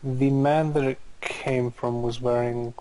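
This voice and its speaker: A man playing a tabletop game, speaking in a flat, matter-of-fact way. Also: medium pitch, slow, poor audio. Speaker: player. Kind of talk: casual tabletop play.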